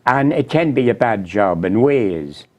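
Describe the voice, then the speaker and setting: A man's voice: mid-range voice, animated, unhurried, darkish tone, lo-fi sound. An older man with a Northern Irish accent, chatting casually about old times in short, plain rural phrases. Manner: plain-spoken, brief rural answers. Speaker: interview guest, local walk guide. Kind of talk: casual reminiscing chat.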